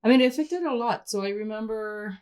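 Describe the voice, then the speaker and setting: A woman's voice: on the high side, a little fast, darkish tone, clean tone. A woman from Switzerland, a guest in an interview, explaining her story in an open, matter-of-fact way. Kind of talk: candid personal interview.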